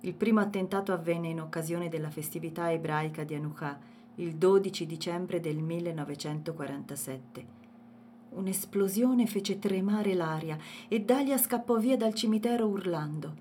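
A woman reads a novel aloud in scripted audiobook narration, with a measured, expressive delivery. Her voice sits low, and a faint background hiss runs underneath.

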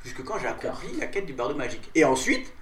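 A man's voice: mid-range voice, expressive, fast talker, fairly bright tone, echoey room, pitched below the performer's own voice, lightly acted. A man playing a pompous goblin sage. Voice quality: pompous, long-winded.

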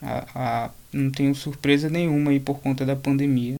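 A young man talks in an interview, speaking at a medium pitch. He is thoughtful and casual, often restarting his sentences and tagging them with questions. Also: level tone, moderate pace, gravelly, warm tone, faint music behind. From Manaus, Brazil. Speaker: guest, creator of a page about funk.

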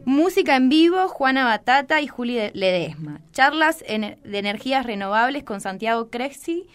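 A woman co-hosting a community radio show, reading out the local events agenda in a friendly, steady way. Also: fairly high pitch, normal speed, smooth, faint music behind. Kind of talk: casual radio chat and announcements.

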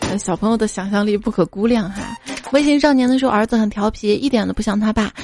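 A woman hosting a show, reading out funny listener stories in a lively way and mimicking the children in them. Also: mid-range voice, quick pace. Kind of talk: humorous story reading. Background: faint background music.

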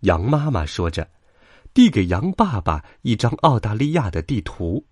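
Brief: expressive male bedtime-story reader, very lively pitch, dry recording. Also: moderate pace, husky, dry recording.

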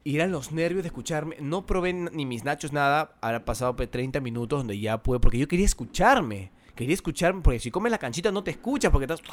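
A man, a voice actor in casual chat, telling animated stories and acting out quotes. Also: fairly high pitch, fast, hardly any pauses. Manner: animated storyteller, acts out quotes.

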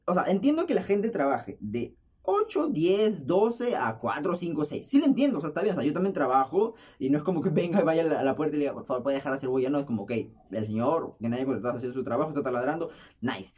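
Speaking quickly in a slightly rough, somewhat high voice, this young adult podcast host delivers a casual, rambling monologue to a camera in his bedroom. His storytelling is lively and self-mocking, full of jokes and laughs, picked up close by the camera's built-in microphone.

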